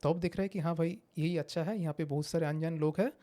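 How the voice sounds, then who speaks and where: A man's voice: fairly high pitch, fairly even intonation, fast talker, warm tone. A man, a psychiatrist guest explaining patiently with examples and slipping into English phrases. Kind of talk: explanatory interview talk.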